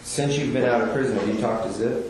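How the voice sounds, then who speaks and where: A man questioning a suspect as a police detective, calm and methodical. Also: medium pitch, fast talker, a little hiss or hum. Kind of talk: recorded police interrogation. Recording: echoey room on a distant recorder.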